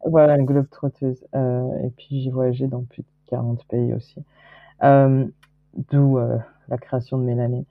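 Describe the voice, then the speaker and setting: A woman's voice: extremely low pitch, little pitch movement, moderate pace, dry recording. A woman in her forties from Guadeloupe, a podcast guest talking in a hesitant way, with many fillers and restarts. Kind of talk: casual interview chat. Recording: dull lo-fi dry sound.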